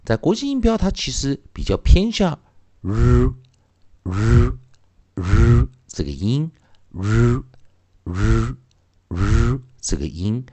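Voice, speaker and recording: A man's voice: medium pitch, mellow. A man who teaches English phonics in a recorded lesson. He is patient and repeats each sound many times over.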